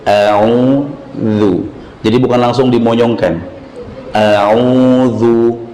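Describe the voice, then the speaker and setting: A man's voice: lowish voice, mellow. A man with an Indonesian accent teaching Quran recitation, patiently repeating syllables and chanting examples. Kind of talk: slow tajwid lesson with modeled recitation. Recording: roomy hall with long reverb, faint ambience.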